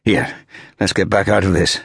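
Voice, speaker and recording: A man's voice: low-pitched, fairly even intonation, normal speed, breathy edge, dry recording, clean studio sound. A man voicing a lean, strong fisherman who speaks earnestly and politely in an audiobook. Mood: concerned. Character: lean strong fisherman, reserved but caring.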